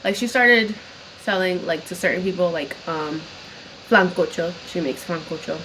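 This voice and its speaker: A woman's voice: fairly low pitch, steady tone, moderate pace, fairly bright tone, slight background noise, rough recording. A woman co-hosting a casual chat at home, blunt and slangy, swearing freely. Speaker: co-host.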